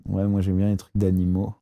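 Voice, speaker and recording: A man's voice: deep voice, vocal fry, dark tone, no echo. A young man hosting a casual interview, blunt and teasing, poking fun at himself. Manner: teasing, blunt, self-mocking. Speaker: host interviewing a candidate.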